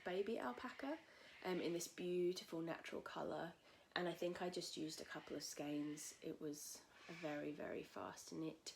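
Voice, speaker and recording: A husky woman with a low voice chats through her knitting podcast in a loose, rambling way, full of fillers. She sounds a bit croaky from a cold. Faint noise and cockatoos carry in from outside her small home. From England. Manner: chatty and rambling, with many fillers. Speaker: podcast host. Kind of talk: casual knitting podcast chat. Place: at home in a tiny house. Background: cockatoos calling outside.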